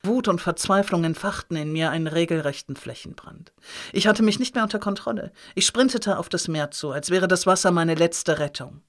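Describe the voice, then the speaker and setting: Male audiobook narrator, expressive and dramatic, voice a touch higher than most men. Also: brisk. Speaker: audiobook reader. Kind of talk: first-person novel narration.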